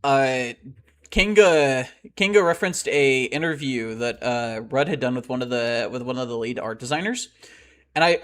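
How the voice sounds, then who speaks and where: A young man streaming a game and chatting casually with his live chat, rambling and excitable and often laughing. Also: mid-range voice.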